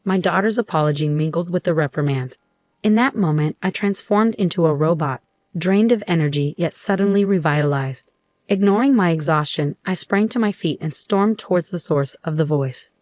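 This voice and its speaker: Woman narrating a story, lowish voice. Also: normal speed, darkish tone, no echo. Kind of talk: scripted narration.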